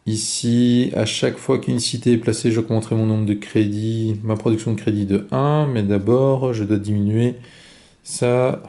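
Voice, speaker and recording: A man calmly talking through his own board game turn, explaining each card and move step by step. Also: lowish voice, moderate pace. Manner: calm, methodical, explains each move aloud. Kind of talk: solo board game playthrough commentary.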